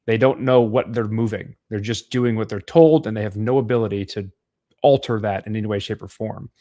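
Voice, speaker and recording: A man's voice: lowish voice, a little fast, dark tone, no echo, studio quality. A man co-hosting a podcast, explaining ideas step by step and thinking aloud. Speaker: podcast co-host. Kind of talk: casual podcast discussion.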